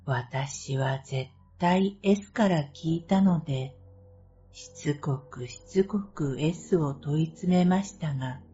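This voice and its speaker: Slow, husky woman telling a ghost story. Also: deep voice, warm tone. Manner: acts out dialogue between friends. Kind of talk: scripted ghost story narration. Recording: dull, lo-fi sound with faint music.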